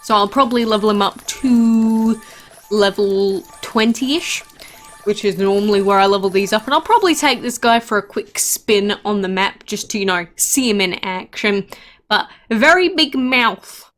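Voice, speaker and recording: A woman's voice: medium pitch, normal speed, fairly bright tone, soft background music. A woman hosting a casual gameplay commentary, chatting about her game with frequent asides and fillers. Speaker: game channel host.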